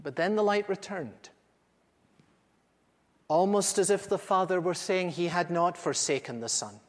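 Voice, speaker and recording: A man's voice: sits high, unhurried. A man performing a first-person dramatic monologue as an aged apostle recounting what he witnessed, earnest and intimate with dramatic swells. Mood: solemn. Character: aged male apostle recounting eyewitness memories. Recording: echoey hall with long reverb.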